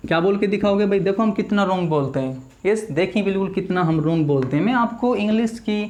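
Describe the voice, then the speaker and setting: A man's voice: high voice, lively intonation, darkish tone. Hindi-speaking man teaching English pronunciation. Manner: drills words slowly, repeats them, asks the class to repeat. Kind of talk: classroom video lesson. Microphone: small camera in front of him.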